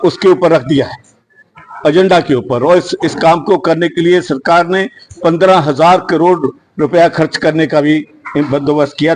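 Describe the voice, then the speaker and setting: A man's voice: a little high, a little mellow, a little hiss or hum, poor audio. A man who leads a security industry association gives an unscripted media statement in an earnest, rambling way, with frequent restarts.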